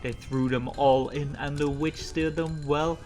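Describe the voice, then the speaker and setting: A woman storyteller reading a children's story aloud in an animated narration style. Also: low-pitched, unhurried, soft background music.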